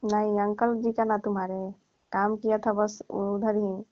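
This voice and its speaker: On a comic phone call, a middle-aged woman chats casually, coy and teasing as she playfully scolds. Her mid-range voice holds a level tone at a slightly slow pace, and the audio is dry, dull lo-fi phone sound with no room noise.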